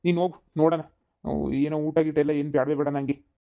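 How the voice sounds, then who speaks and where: A woman's voice: low-pitched, flat delivery, fast talker, muffled recording. A woman voicing a stubborn, self-pitying old village father-in-law in a cartoon comedy, grumbling and complaining. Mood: sulky. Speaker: cartoon voice actor.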